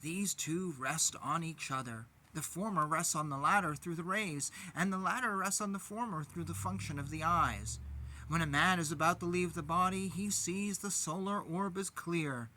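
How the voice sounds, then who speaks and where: Male scripture reader, fairly high, bright, steady and measured. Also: a little hiss or hum. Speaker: podcast host reading scripture. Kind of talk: scripture reading.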